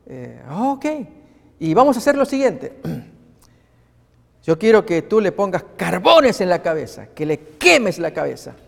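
A man's voice: high-pitched, big pitch swings, slow, creaky, exaggerated voice. A man playing a coaxing, scheming uncle. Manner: coaxing, conspiratorial. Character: scheming, reassuring adult uncle. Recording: long hall reverb.

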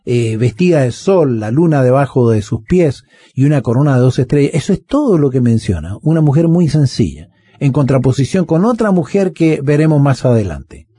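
Husky-voiced pastor explaining scripture. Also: male voice, mid-range voice, animated, normal speed, no echo. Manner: warm pastoral, reads scripture aloud and explains it. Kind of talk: Bible study conversation.

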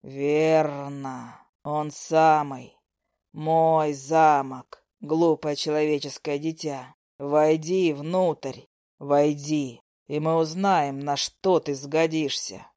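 Woman voicing a booming, domineering old dragon. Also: steady tone, extremely slow, mellow, dry recording, clean studio sound. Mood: commanding. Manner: commanding, booming. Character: huge ancient domineering male dragon.

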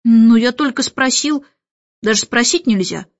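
A woman's voice: a little high, a little slow, dry recording, muffled recording. A woman voicing a sulky, whining little boy in an audiobook. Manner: whining, grumbling. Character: small boy, sulky and whiny.

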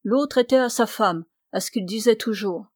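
A woman's voice: mid-range voice, moderate pace, dry recording, clean studio sound, close to an everyday voice. Woman reader playing a laid-back young driver, plain-spoken and easygoing, storybook. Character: easygoing young man, unhurried wagon driver.

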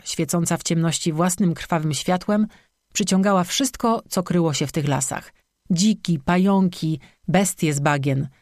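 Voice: medium pitch, a little mellow, no echo, clean studio sound. An audiobook narrator reading an urban fantasy tale with a wry, sarcastic edge.

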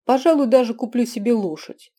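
A woman's voice: a little high, a little fast, warm tone, lightly acted. A woman voicing a grumpy, scheming young man who is broke and talks in sardonic, muttered asides.

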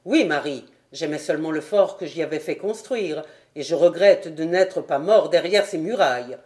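A woman reading aloud voices an anguished proud nobleman in an audiobook, declaiming his laments loudly in a lower, mellow tone. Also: normal speed, natural voice. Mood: bitter grief.

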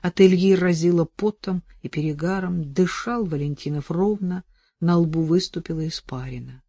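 A woman reading a novel aloud in a steady, even storytelling manner. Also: fairly low pitch, moderate pace, no echo. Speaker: audiobook narrator. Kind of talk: scripted narration.

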